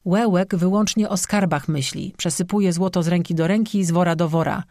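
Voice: medium pitch, steady tone, fairly quick, darkish tone, dry recording, close to an everyday voice. A narrator voicing Ditko, a sly male forest demon who mutters scornfully about a rival, in a dry recording.

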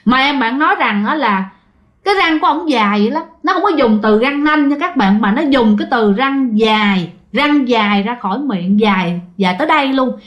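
Southern vietnamese woman telling ghost stories, chatty, talks right to listeners, highish voice. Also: fairly bright tone. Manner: chatty, addresses listeners directly. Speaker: storyteller. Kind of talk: ghost story narration.

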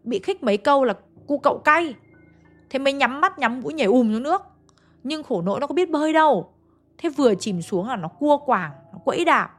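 A woman tells a ghost story in a chatty, confiding way, turning often to her listeners. Her voice sits a little high. Faint music plays underneath. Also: animated, a little fast. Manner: chatty, addressing listeners directly.

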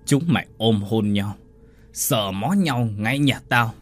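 A man voicing a hoarse grave ghost that has possessed a young man, barking orders in a story reading. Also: lowish voice, takes it slowly. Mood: menacing. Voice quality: hoarse, harsh commanding.

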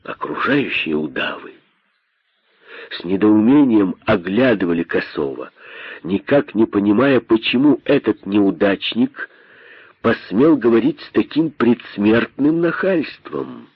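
A man narrating a fable as an audiobook, with expressive, unhurried storytelling. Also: lowish voice, slightly rough, dry recording, dull audio.

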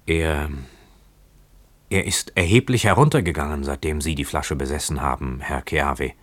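A man reading the part of a terrified young man, breathy and gasping, stammering in fear. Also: low voice, a little fast, fairly bright tone, dry recording.

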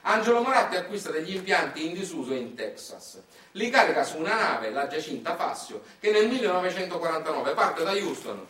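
Performing a satirical, theatrical monologue, a Sicilian-accented stage storyteller and monologue actor tells a dramatic, ironic story and drifts into dialect. His voice is high, sing-song, fairly bright and a little fast, picked up by a distant microphone in a roomy space.

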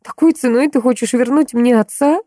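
A woman reading an audiobook, voicing a distraught young woman who pleads and cries out in a higher voice. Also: normal speed, warm tone, no echo, clean studio sound, close to an everyday voice. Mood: accusing. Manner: pleading, raised and tearful. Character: young woman, tearful and horrified.

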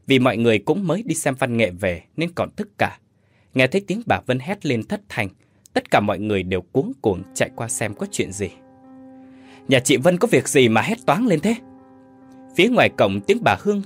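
A man's voice: medium pitch, no echo. A man narrating a scripted horror story in a dramatic, suspenseful way.

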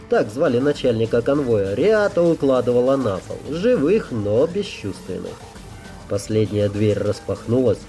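A man narrating an audiobook in a steady, even read. His voice has a dark, mellow timbre at a middle pitch. The delivery is scripted and measured.

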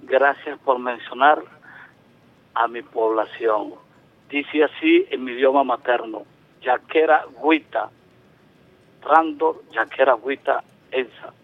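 Speaking slowly with long pauses, a caller in his seventies from Venezuela holds forth on call-in radio. His voice is mid-range, the telephone line sounds thin and tinny, and he presses his points hard, often starting his sentences over.

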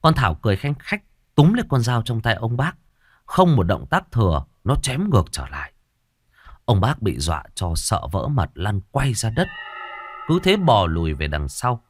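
A man narrating a ghost story in the first person, with lively storytelling. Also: lowish voice, normal speed, dry recording, studio quality.

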